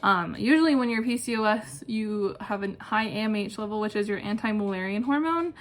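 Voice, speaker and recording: A young adult woman with a medium-pitched voice talks fairly quickly, answering questions for her channel in a relaxed, single-take vlog. Her tone is chatty and self-deprecating. She records indoors at home with a ceiling fan clicking and possible neighbor chatter drifting in from outside.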